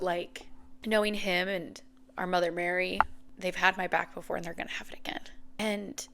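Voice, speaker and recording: A woman's voice: mid-range voice, vocal fry, fairly bright tone. A woman in her thirties hosting a faith podcast, speaking earnestly and from the heart, often emotional, with lots of "like" and "you know". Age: 30s. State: emotional, near tears. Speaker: podcast host. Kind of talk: reflective faith podcast monologue.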